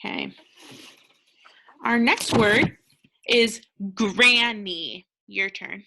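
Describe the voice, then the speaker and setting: An American woman teaching a slow, clear phonics lesson to young children, patient and encouraging, pausing for answers. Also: medium pitch, sharp tone. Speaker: second grade teacher.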